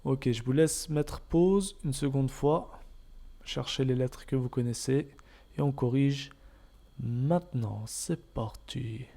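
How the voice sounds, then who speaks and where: Slow, mellow-voiced male teacher. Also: mid-range voice, vocal fry. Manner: patient, repeats each point, models sounds. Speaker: Arabic reading teacher. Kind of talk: step-by-step lesson narration.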